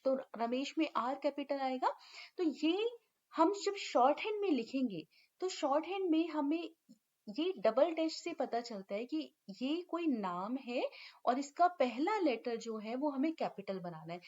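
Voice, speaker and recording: Young woman, high voice, patient teacher tone, slightly muffled lo-fi recording. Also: a little mellow. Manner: patient, explanatory, frequent "theek hai" check-ins. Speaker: shorthand teacher. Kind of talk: online lesson, explaining step by step.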